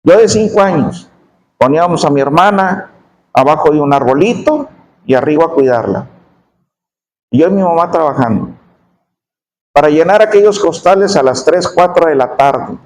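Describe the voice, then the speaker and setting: A middle-aged man telling a testimony in a sermon, his voice dropping low and slow on painful memories. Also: expressive, low-quality recording. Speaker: preacher giving testimony.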